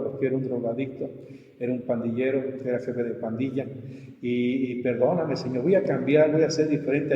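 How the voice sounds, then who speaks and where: A man's voice: mid-range voice, a little hiss or hum. A male pastor telling his testimony in a conversation, acting out the voices of the people in his story. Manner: animated storyteller, acts out his own cries and quoted voices. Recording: muffled, echoey room with long reverb.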